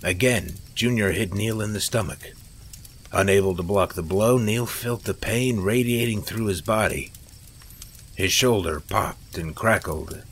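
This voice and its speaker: A man reading a story aloud in a steady, measured way. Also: low voice. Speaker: audiobook narrator.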